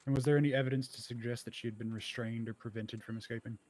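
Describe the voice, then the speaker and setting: Man playing a brisk, formal courtroom questioner. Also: mid-range voice, fairly even intonation, a little mellow, close to an everyday voice, low-quality recording. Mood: formal, probing. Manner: formal, probing. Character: male trial lawyer, formal, methodical questioner. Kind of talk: improvised courtroom role-play questioning.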